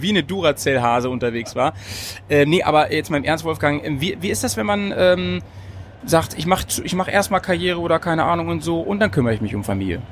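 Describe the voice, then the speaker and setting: There's slight background noise as this man, whose voice is a little high, hosts a podcast on a train. He chats casually, bubbly and giggly, laughing often and rambling with fillers.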